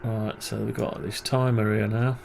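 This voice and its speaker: This man's voice is on the low side, level and at normal speed, with vocal fry and some background noise. He's running a programming tutorial, working on screen while thinking out loud and muttering wry, grumbling asides.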